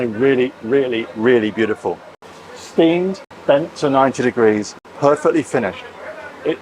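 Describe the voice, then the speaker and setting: In poorly recorded footage, a medium-pitched middle-aged man walks through his catamaran under construction at a boatyard. He's chatty and admiring, exclaiming over details and letting out frequent oohs in this casual vlog.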